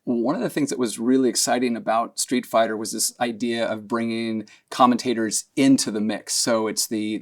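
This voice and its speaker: Man, enthusiastic, explaining, interview. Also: mid-range voice.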